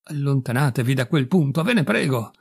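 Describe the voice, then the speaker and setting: A man reading an audiobook and voicing an alarmed, commanding male lightning-rod salesman with a gravelly voice. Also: mid-range voice, expressive, fairly quick.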